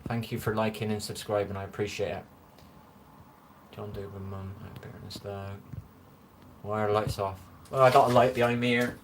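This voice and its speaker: A man's voice: on the low side, little pitch movement, normal speed, pauses often, a little hiss or hum. A chatty man with a Bristolian West Country accent, rambling and easily amused as he reads out viewer comments on a phone live stream from his room. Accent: Bristolian West Country English. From Bristol, England. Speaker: livestreamer. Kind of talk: casual live-stream chat reading comments. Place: his own room, lights low.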